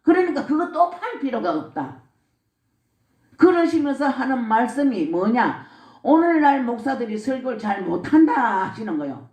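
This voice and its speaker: A woman's voice: fairly high pitch, mellow. An older woman with a Gyeongsang accent giving a church testimony, asking herself questions and answering them, with frequent laughter. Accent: Gyeongsang Korean. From Gyeongsang region, Korea. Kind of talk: spoken testimony. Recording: echoey room, speaker far from mic.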